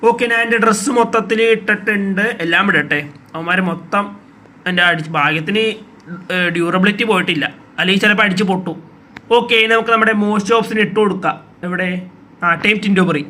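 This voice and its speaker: Chatty gaming YouTuber, male, high and bright voice, talks straight to viewers with sudden exclamations. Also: quick pace, slight background noise. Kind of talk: casual gameplay commentary.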